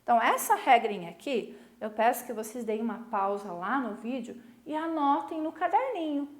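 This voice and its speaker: A Brazilian woman teaching a recorded middle-school lesson. She explains slowly, stretches key syllables, and keeps checking in with her students. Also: a little high, animated, roomy sound. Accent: Brazilian Portuguese.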